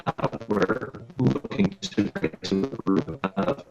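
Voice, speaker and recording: A man presenting over a video call whose audio keeps breaking up, talking haltingly with many fillers and restarts. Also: medium pitch, very animated, vocal fry, highs cut off, over music. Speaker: company presenter at a public commission meeting. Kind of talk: remote meeting presentation.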